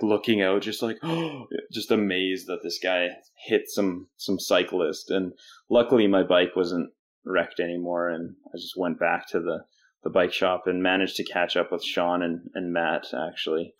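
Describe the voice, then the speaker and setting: Low-pitched young canadian man, podcast guest, animated and laughy, does the other people's voices in his stories. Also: moderate pace. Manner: animated storyteller, laughs often, jumps into quoted voices. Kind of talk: casual storytelling interview.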